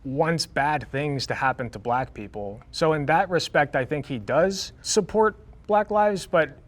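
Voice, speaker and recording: A man's voice: on the high side, measured pace. Casual man hedging in a debate. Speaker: debate panelist. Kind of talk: debate discussion.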